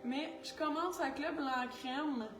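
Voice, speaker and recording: A woman's voice: high-pitched, a little slow, far from the mic. A woman with a Quebec French accent talking through a makeup tutorial in a chatty, scattered, self-mocking way as she works. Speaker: makeup artist. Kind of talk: makeup tutorial, casual talk to camera. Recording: echoey room with faint music.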